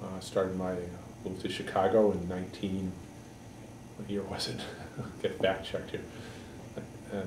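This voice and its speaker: A man in his sixties from Connecticut, a political candidate giving halting, measured answers in an editorial board interview. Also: low-pitched. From Connecticut, USA. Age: 60s. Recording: echoey room, mic far off, background noise.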